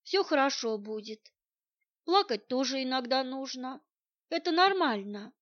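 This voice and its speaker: A caring, firm woman friend, read by a woman narrating a storybook, speaks soothingly yet insistently. Her voice sits a little high, and the audio is dull and lo-fi. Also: lively intonation, unhurried, a bit bright. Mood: concerned. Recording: dull lo-fi sound.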